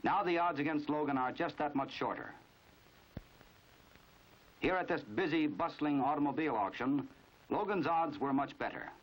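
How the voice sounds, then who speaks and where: Through the dull, band-limited sound of a 1950s film soundtrack, an American man with a fairly high, animated voice narrates a crime training film at a moderate pace, leaving long pauses. His storytelling is knowing and dramatic, wry and measured in mood.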